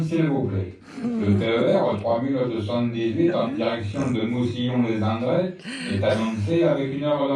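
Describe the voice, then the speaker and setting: An actor playing a male train station announcer, speaking formally and slowly over the station intercom. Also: mid-range voice, recorded from a distance. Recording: echoey loudspeaker heard from afar with crowd.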